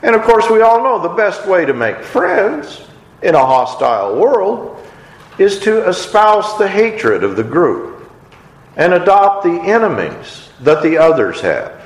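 Man, sermon, animated pitch, slightly high voice, long hall reverb. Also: measured pace. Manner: expressive storytelling, acting out quoted lines. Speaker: preacher. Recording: echoey hall.

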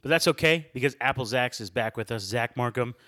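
A man's voice: mid-range voice, brisk, fairly bright tone. A young man hosting a casual podcast chat with friends. He is upbeat and talkative and laughs often. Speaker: podcast host.

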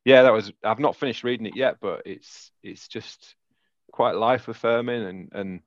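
A man with a Yorkshire accent talks through his favourites of the year in a relaxed, rambling way, full of ums and easy laughs. His voice sits low, and the sound is dry and a little dull, as if through a modest microphone. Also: normal speed, no room sound. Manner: laughing, rambling with many fillers. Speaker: podcast co-host. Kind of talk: casual chat.

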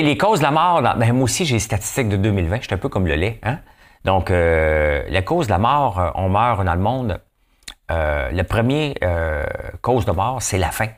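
A man with a Québécois accent hosting a podcast in casual, playful commentary, often tossing in a questioning "hein?". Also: sits low. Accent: Québécois French. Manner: playful, chatty, keeps asking "hein?". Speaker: podcast host.

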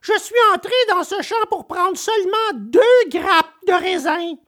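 A woman's voice: very high-pitched, measured pace, pitched above the performer's own voice. A woman voicing a sobbing, pleading wooden puppet boy in a storybook reading.

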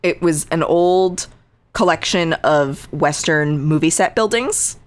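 A woman's voice: deep voice, takes it slowly. A woman co-hosting a podcast, casually telling a true crime story with dry, sarcastic asides and lots of fillers.

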